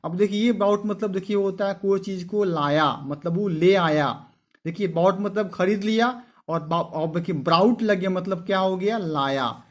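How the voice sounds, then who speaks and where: A man's voice: high voice, moderate pace. A man teaching English vocabulary, who spells words letter by letter and keeps asking his students questions that he then answers himself. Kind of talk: explaining word meanings to students.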